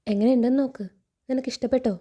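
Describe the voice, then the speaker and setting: A woman's voice: sits high, fairly even intonation, racing, dark tone. Woman reading a fatherly, firm older man. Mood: firm kind.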